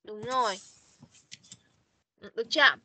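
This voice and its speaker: A woman teaching an online English class over a video call, coaching and correcting her pupils quickly. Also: on the high side, pushed and bright. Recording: dull online meeting audio.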